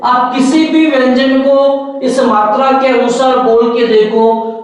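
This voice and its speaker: A man with a very high voice teaching a basic lesson, slow and deliberate, asking questions and answering them himself. He sounds far from the mic, in a strongly echoing room. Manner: repetitive, asks questions then answers them. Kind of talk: Hindi grammar lesson.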